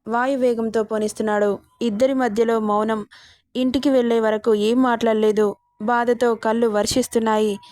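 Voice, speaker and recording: Fairly high-voiced woman reading a story. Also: darkish tone, no room sound. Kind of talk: serialized romance story reading.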